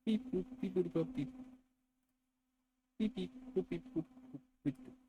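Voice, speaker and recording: A man's voice: sits high, a little slow, pitched above the performer's own voice. A man voicing a playful beeping robot in sing-song beep-boop noises during a casual gaming session. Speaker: gamer.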